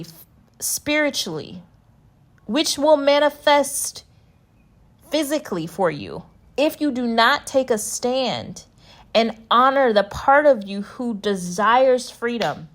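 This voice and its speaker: A woman's voice: a little high, fairly bright tone. A woman talking as a spiritual coach, reflecting earnestly and emphatically in a personal vlog, repeating phrases for weight.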